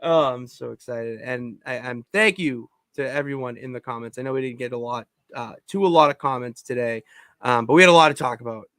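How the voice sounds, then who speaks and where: A man co-hosting a podcast from his home basement, talking in an excitable, rambling way with many restarts. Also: medium pitch, brisk, no room sound, clean studio sound. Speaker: podcast co-host. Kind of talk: casual chat.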